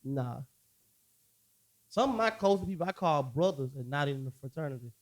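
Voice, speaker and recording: A podcast host leads a relaxed conversation among friends, asking pointed questions and repeating himself for emphasis. His voice is on the high side and expressive, at a moderate pace.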